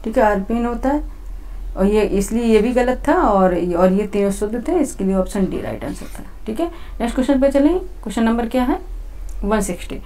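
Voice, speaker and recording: A woman with a fairly high voice teaches an exam-prep class. She goes through each answer step by step and keeps checking in with her students with a quick "okay". Her delivery is plain and repetitive, like a tutor at a whiteboard. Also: lively intonation, dark tone. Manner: repetitive, says "theek hai" often; explains step by step, talking to students.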